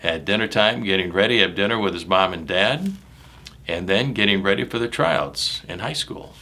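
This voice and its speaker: Reading a picture book to children, an animated male storyteller speaks in a bright but low voice at a moderate pace, with slight background noise. He's dramatic and emphatic, addressing the kids directly and making lively asides about the pictures.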